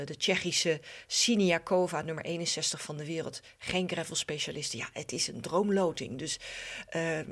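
Woman, former tennis pro, analyst, lower voice, blunt, opinionated, halting with fillers. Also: a bit bright. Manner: frank and opinionated, with frequent "eh" fillers. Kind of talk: studio sports analysis.

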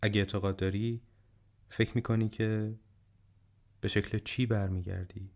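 A man reading a worried younger man, quiet. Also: fairly low pitch, little pitch movement, natural voice. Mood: concerned. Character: worried younger man visiting a dying friend. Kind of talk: audiobook reading.

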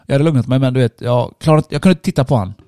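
A man's voice: medium pitch, warm tone, no room sound, clean studio sound. A worn-out man in casual chat, telling a story with lots of swearing. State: tired, worn out.

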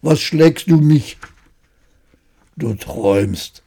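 A reader voicing two huge, quarrelsome, sleepy giants in a fairy tale, grumbling slowly. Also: medium pitch, animated, vocal fry, warm tone, slightly rough, heavily acted. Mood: grumpy. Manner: slow grumbling.

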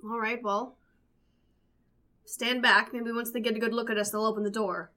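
A woman's voice: fairly high pitch, little pitch movement, moderate pace, sharp tone. A woman playing a tabletop game, casually describing her actions and speaking in character. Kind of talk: casual in-character role-play.

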